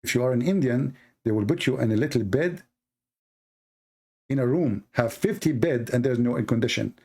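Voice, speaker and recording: Expressive and moderately paced, a man with a mid-range, darkish, slightly breathy voice hosts a live call-in debate stream. Caught up in a heated argument, he is combative and sarcastic, speaking fluent English with non-native grammar.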